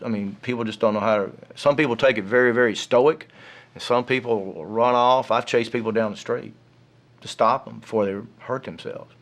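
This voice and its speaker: A man with a low voice speaks in an interview about his years as a homicide detective. His talk is matter-of-fact and plain, with frequent restarts.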